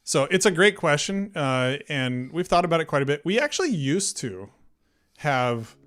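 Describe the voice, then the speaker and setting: A man's voice: fairly high pitch, sing-song, moderate pace, fairly bright tone. Easygoing man hosting a coding stream. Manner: easygoing, agreeable, lots of fillers. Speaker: livestream host. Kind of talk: casual chat.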